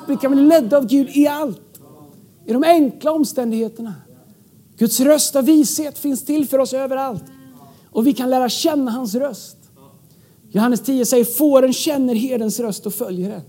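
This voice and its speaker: Swedish man, pastor delivering a sermon from the church stage, very high voice, lively, breaks into shouts, joking asides, stray English words. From Sweden. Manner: drops English words into speech. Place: church stage before a congregation.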